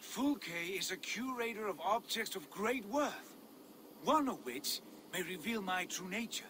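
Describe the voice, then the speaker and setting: In a dramatic video game, a male actor with a high voice plays an imperious Viking lord who believes himself divine, speaking in a grandiose, commanding, lofty manner. His delivery is expressive and unhurried, and clear ambient noise sits behind the recording.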